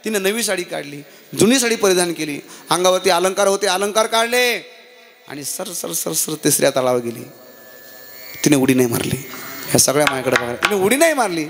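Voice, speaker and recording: High-voiced Marathi kirtan preacher man. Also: a little fast, creaky. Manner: animated storytelling, addressing the crowd directly; chants and sings between points. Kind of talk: devotional kirtan sermon with chanting.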